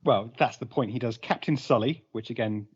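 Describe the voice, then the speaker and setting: A man's voice: mid-range voice, a little fast, breathy edge. A man co-hosting a podcast, making his case in a hesitant way and often repeating words. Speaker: podcast co-host. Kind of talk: casual chat. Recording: dull lo-fi podcast audio.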